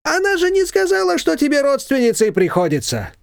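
A man's voice: extremely high pitch, wildly swooping pitch, fairly quick, creaky, no echo, studio quality, pitched above the performer's own voice, full character voice. A man voicing a talkative, boastful old taxi driver who rambles indignantly. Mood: chatty.

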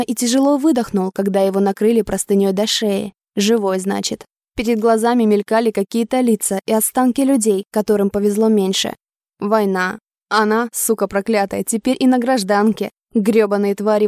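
A woman's voice: mid-range voice, dark tone, no echo, studio quality, close to an everyday voice. A woman reading the inner monologue of a wounded male ex-soldier, blunt and swearing.

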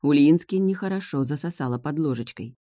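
An audiobook narrator reading a fantasy novel in an even, measured storytelling manner. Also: mid-range voice, no room sound. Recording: dry close studio sound.

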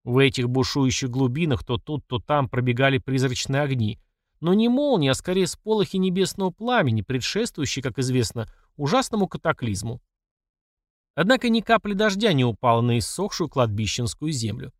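Expressive male audiobook narrator. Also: mid-range voice, a little fast, dry recording, studio quality. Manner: expressive storyteller, voices each character. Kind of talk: scripted narration.

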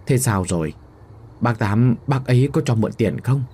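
A man's voice: mid-range voice, expressive, normal speed, mellow, slightly rough. A man voicing a frail, trembling old mother who pleads weakly with her son, in a storybook reading. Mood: weary. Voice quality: thin trembling old woman's voice. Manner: pleading, quavering. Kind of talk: storybook narration with voiced characters.

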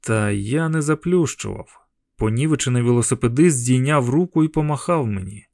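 A male audiobook narrator with a mid-pitched voice reads in an even, measured way. The recording is dry and close, with no room echo at all. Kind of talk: scripted narration. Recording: dry close studio sound.

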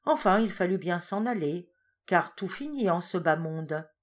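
A woman narrating a children's storybook. Her voice sits a little low. It moves a great deal in pitch as she tells the tale expressively. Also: animated, measured pace. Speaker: audiobook reader.

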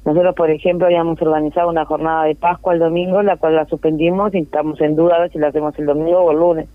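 Her deep voice races along with little change in pitch as this Uruguayan neighborhood representative is interviewed by phone. She stumbles with fillers and restarts, and the dry, tinny line has no room sound.

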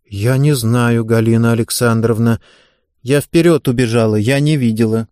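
A man reading the part of a calm, loyal young girl gymnast who speaks matter-of-factly. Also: medium pitch, moderate pace, no room sound, clean studio sound, lightly acted.

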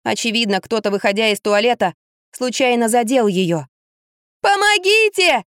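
A woman reading a first-person story aloud in an expressive, lively storytelling manner. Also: medium pitch, moderate pace, no room sound, studio quality. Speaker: narrator.

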